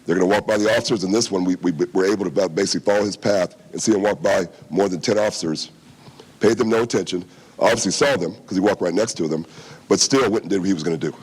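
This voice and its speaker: Guy police chief in an interview, low raspy voice, talks off the cuff. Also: fast talker, a little mellow, rough recording. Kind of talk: unscripted interview answers.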